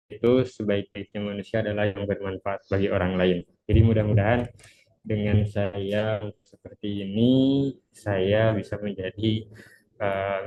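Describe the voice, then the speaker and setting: A twenty-year-old man from Cianjur, West Java, Indonesia, presents an introductory online lesson through a face mask, polite and hesitant and sounding a little unwell. His voice is fairly low and darkish in tone. The webinar audio is dull, muffled and lo-fi, with a little hiss or hum.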